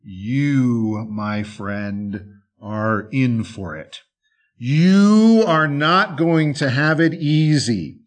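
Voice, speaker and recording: A man voicing a hungry, menacing male wolf who speaks in a low, threatening rumble in a told story. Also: steady tone, very slow, darkish tone.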